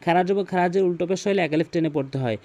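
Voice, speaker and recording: A male Quran recitation teacher with a Bangladeshi accent. His voice sits high for a man, with a dark, mellow tone, and he walks through the rules patiently, repeating and recapping as he goes. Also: rapid-fire, lo-fi sound. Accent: Bangladeshi Bengali. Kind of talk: tutorial explanation with recited examples.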